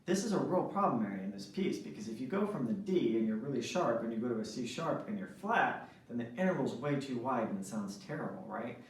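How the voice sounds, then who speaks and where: A man's voice: mid-range voice, lively intonation, fairly quick, hardly any pauses. A man teaching a saxophone lesson, explaining step by step and often checking in with "right?". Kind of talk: instructional lesson. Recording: echoey room, mic at a distance.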